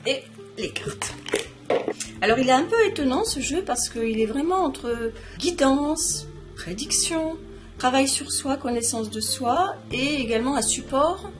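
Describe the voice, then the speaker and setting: A woman's voice: high-pitched, normal speed, over music. A woman casually presenting and reviewing a deck of oracle cards in a vlog, chatty and explanatory, showing each item as she talks.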